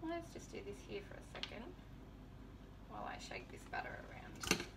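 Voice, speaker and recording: A woman's voice: medium pitch, wildly swooping pitch, moderate pace, recorded from a distance, heavy background noise. A woman in her thirties chatting casually to viewers as she cooks in her home kitchen. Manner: chatty, easygoing, talks to viewers while cooking. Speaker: home cooking vlogger. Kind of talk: casual cooking demonstration.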